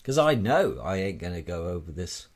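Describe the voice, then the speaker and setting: With a low voice full of big pitch swings, a man at a moderate pace delivers an informal, emphatic explanatory monologue as an amateur presenter. He repeats phrases and poses rhetorical questions.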